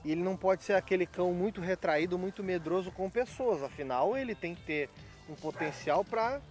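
Man, dog trainer, calm methodical explainer, high-pitched. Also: brisk, soft background music. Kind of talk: explaining puppy selection.

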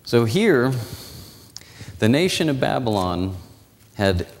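A man in his forties preaching a sermon in a church, walking the platform and slowing down, dropping his voice low for dramatic emphasis. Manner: walks the platform, gesturing as he preaches. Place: church sanctuary. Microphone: lapel mic and pulpit mic. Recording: church hall reverb.

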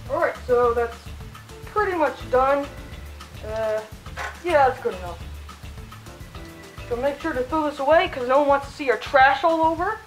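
A woman with a high voice talks through a playful cooking tutorial, chatty and mock-serious. She is in a home kitchen, her voice a little muffled by a costume head. The room echoes and soft music plays underneath. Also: animated, moderate pace, long pauses. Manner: jokey, chatty, mock-instructional. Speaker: channel host cooking in fursuit.

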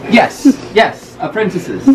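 A middle-aged man improvising fantasy lore as master of a fair ceremony, theatrical and mock-indignant, with halting delivery. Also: high-pitched, sing-song, over loud music. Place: open-sided wooden booth in the woods at a fair. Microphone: camera a few steps away. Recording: noisy, distant outdoor camera recording. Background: loud ambient fairground noise.

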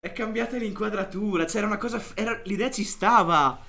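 A man's voice: high voice, a little fast, pushed and bright, a little hiss or hum. A young man doing casual, profane, self-mocking stream commentary.

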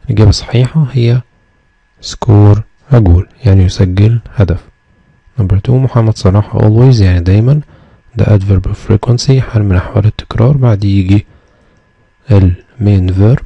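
Egyptian man, English teacher, walks through review answers, husky voice, dull dry recording. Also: lowish voice, moderate pace, no room sound. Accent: Egyptian Arabic. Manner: explains step by step, asks questions then answers them. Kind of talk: exam review lesson.

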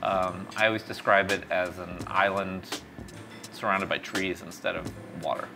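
A middle-aged man, born in Mexico and raised in East Texas, is interviewed casually in a small café by a street window. A startup founder and CEO, he rambles with many fillers and restarts. His low-pitched voice is steady at normal speed, over music.

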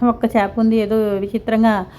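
Chatty woman with a mellow voice. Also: a little high, level tone, normal speed. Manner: chatty, sympathetic, rambling with restarts. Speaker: vlogger. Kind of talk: casual vlog voice-over.

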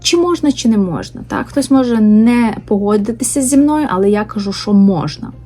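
A woman giving an informal Bible study talk, pausing often with fillers and tag questions and reading verses aloud slowly. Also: medium pitch, warm tone. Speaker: Bible teacher.

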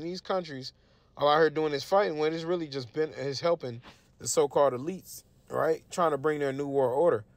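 A man teaching scripture in a casual, emphatic way, reading verses aloud and often checking in with a quick "right?". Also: fairly high pitch, no room sound. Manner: conversational and emphatic, often tags questions with "right?". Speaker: Bible teacher.

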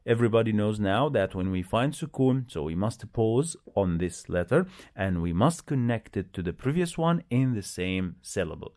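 A man with an Egyptian accent teaching Arabic reading, slowly sounding out syllables one by one and then explaining in quicker asides. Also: on the low side, animated, darkish tone. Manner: slow, drawn-out syllable-by-syllable enunciation. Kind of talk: bilingual reading lesson.

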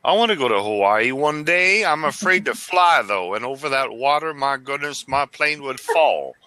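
A man in his forties from Arizona, United States, calls into a casual religious video chat from a small, dim room indoors, using a headset. He talks fervently about faith, rambling and tripping over his words. His mid-range voice is expressive and sharp in tone, at a normal speed, with slight background noise.

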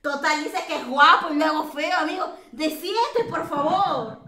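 A woman's voice: high-pitched, animated, a little slow, pushed and bright, reverberant. A Peruvian woman streaming a game, chatting and teasing with lots of fillers and laughter. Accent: Peruvian Spanish. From Peru. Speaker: streamer host. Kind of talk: casual chat while gaming.

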